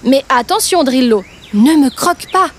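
A woman's voice: sits high, lively intonation, normal speed. A woman voicing a small, helpful male bird in a chirpy manner for a children's storybook. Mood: calling out.

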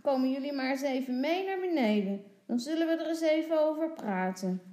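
A strict, exasperated mother , put on by a woman reading a storybook. She scolds loudly and sharply. Her voice climbs and falls a lot as she tells the children off. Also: sits high, expressive, a little fast, reverberant, pitched above the performer's own voice. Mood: scolding.

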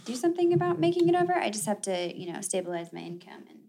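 A woman's voice: medium pitch, sing-song, quick pace, vocal fry, mellow. A young woman, a guest on a podcast, chatting casually and joking bluntly. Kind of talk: casual chat.

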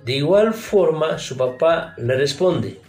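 A male teacher speaks in a formal, patient classroom manner and keeps addressing his pupils directly. His pitch rises and falls animatedly as he poses rhetorical questions. The recording has a noticeable roomy echo with faint music underneath. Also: lively intonation, slow, a little mellow.

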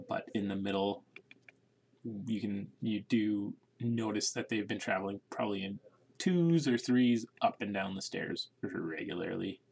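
Male game master, low gravelly voice, relaxed halting narration. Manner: casual, halting, with fillers and restarts.

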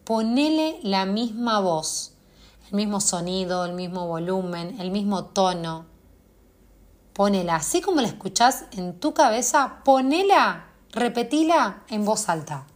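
A woman's voice: medium pitch, animated, measured pace. A woman, hosting and guiding listeners through a self-help exercise, speaking straight to them and asking many questions. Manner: coaching, asks many questions directly of the listener. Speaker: host.

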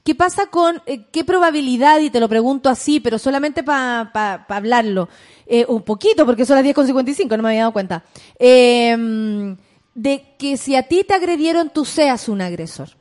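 A woman's voice: high-pitched, normal speed, a little mellow. A woman with a Chilean accent hosting a casual talk, reflective, asking questions. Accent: Chilean Spanish. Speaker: host. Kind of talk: casual chat.

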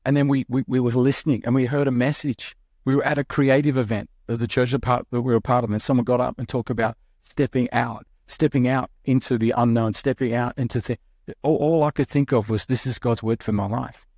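Young guy pastor preaching, lively and quick, keeps restarting and acting out quotes, mid voice, dry close sound. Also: medium pitch, dry recording. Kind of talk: sermon.

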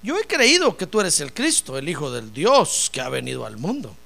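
Marta, an earnest grown woman of faith, speaks in a retold Bible scene, as a man preacher voices her. Her voice leaps high and bright. The telling is lively and sermon-like. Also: normal speed, gravelly, heavily acted.

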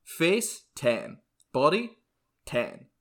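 A man's voice: fairly high pitch, sing-song, drawn-out words, exaggerated voice. A man playing a brash, irritable, eccentric ad agency boss in a comedy script, volatile and blustering. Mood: cocky. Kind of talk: comedy script read aloud.

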